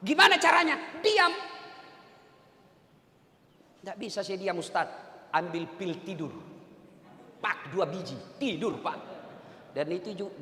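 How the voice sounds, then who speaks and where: Man preaching a comic sermon, very high voice, sharp tone, long hall echo. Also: slight background noise. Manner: animated, joking, addresses the men directly. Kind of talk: humorous sermon. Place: mosque hall. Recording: echoey hall reverb.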